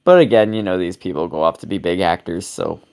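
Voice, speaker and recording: A man's voice: sits low, a little fast, vocal fry, a little mellow, clean tone. A young man co-hosting a casual review podcast, rambling and correcting himself as he talks, with frequent chuckles. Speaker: podcast co-host.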